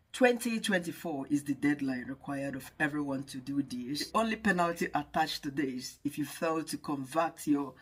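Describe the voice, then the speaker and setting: A man giving a patient step-by-step how-to guide, repeating each step as he walks viewers through it. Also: a little high. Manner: patient instructional, repeating steps. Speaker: tutorial host. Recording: echoey room, distant mic.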